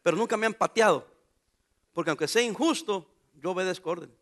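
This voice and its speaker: A man's voice: high voice, a little fast. A man preaching a sermon as pastor, joking and calling out to the congregation. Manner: animated preaching with jokes and calls to the congregation.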